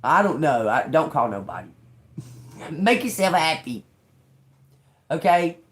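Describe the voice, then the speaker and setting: A woman's voice: sits low, very animated, takes it slowly. A woman in her fifties doing a tarot reading for viewers in an emphatic, chatty way, calling them y'all. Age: 50s. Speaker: tarot reader.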